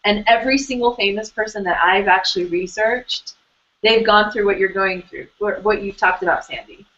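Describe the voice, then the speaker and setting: A woman's voice: mid-range voice, fairly even intonation, moderate pace, a bit bright. Chatty woman host on a lo-fi call. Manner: chatty, rambling with many fillers and restarts. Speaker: host of an online hangout. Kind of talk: casual conversational interview.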